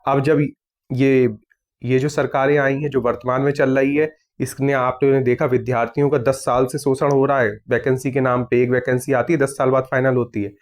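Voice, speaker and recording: Here a young man with a medium-pitched, level voice speaks a little fast. He runs an exam news channel and works through viewer comments in sequence, reading them out and giving firm, casual answers peppered with "theek hai."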